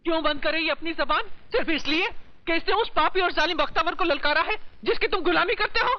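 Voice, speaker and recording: A woman's voice: very high voice, fast talker. An actress playing an outspoken mother who firmly reproaches her husband. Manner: reproachful, firm. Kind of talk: Hindi film acting. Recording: dull old film soundtrack.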